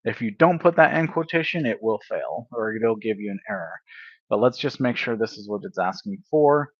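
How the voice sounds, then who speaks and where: A man livestreaming a casual coding study session, thinking aloud, correcting himself and filling pauses as he works through examples. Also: fairly low pitch, lively intonation, dry recording, dull audio. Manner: unhurried, thinks aloud, self-correcting with fillers.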